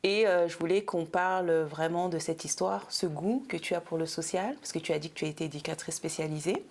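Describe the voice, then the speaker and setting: A woman's voice: lowish voice, a little fast, a little mellow. A woman hosting an interview, asking questions in a friendly way and encouraging her guest with short affirmations. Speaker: interviewer, host. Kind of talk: casual interview.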